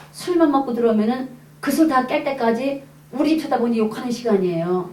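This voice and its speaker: A woman evangelist giving a lively testimony sermon to a congregation, acting out the dialogue in her story. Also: on the high side. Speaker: evangelist preacher. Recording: echoey hall, mic at a distance.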